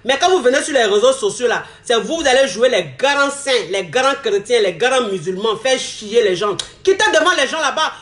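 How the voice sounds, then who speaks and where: A woman's voice: on the high side, lively intonation, moderate pace, hardly any pauses. A woman, ranting emphatically to her viewers in a repetitive, mocking tone with frequent laughs. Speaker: vlogger. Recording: roomy echo.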